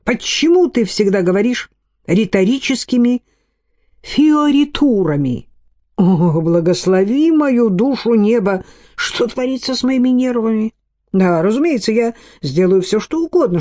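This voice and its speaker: A woman's voice: mid-range voice, animated, unhurried, dark tone, natural voice. A woman reading an audiobook, voicing a verbose middle-aged male doctor with an ornate, lecturing manner. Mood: flustered.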